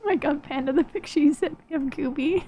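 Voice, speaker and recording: A chatty woman streamer jokes and reacts while playing, her voice on the higher side. Faint game music hums under her talk. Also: fast, dark tone. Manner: chatty, joking, reads game text aloud. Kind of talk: casual gameplay commentary.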